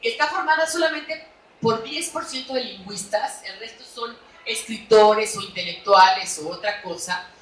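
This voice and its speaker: A Mexican woman author giving a lively, chatty public talk at a book fair, tagging her sentences with quick questions to the audience. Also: a little high, recorded from a distance. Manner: animated, chatty, frequent "¿no?" tags. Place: large echoey hall at a book fair. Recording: echoey hall, voice from off-mic.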